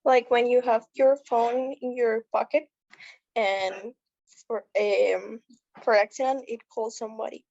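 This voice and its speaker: A woman's voice: on the high side, fairly even intonation, unhurried, vocal fry, a little mellow. Hesitant woman student, muffled audio. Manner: hesitant, searching for words.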